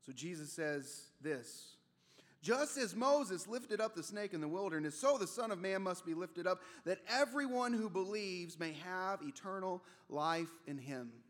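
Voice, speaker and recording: A man's voice: sits high, lively intonation, measured pace. A man preaching a sermon as pastor, conversational and storytelling, with casual asides. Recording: long reverb of a large hall.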